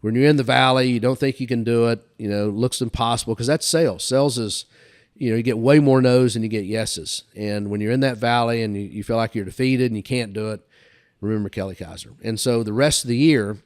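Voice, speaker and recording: Appearing as a podcast guest, an older man shares career anecdotes in a casual, folksy manner, frequently replaying dialogue. His medium-pitched voice is a little fast with fairly even intonation.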